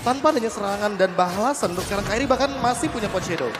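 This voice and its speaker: An Indonesian man works as an analyst caster on a live esports match. He talks extremely fast in a high voice, with music behind him.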